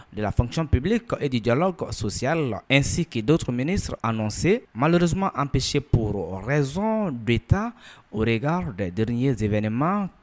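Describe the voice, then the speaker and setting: A male news narrator reading a scripted report in formal, polished phrasing. His intonation rises and falls with lively movement, and his pitch sits in a mid range.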